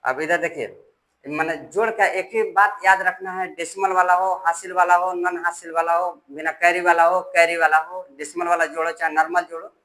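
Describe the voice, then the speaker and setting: Male math tutor, bright slightly high voice, patient and repetitive, spells out numbers digit by digit. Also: fairly even intonation, normal speed, low-quality recording. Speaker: math teacher. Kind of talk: step-by-step classroom explanation.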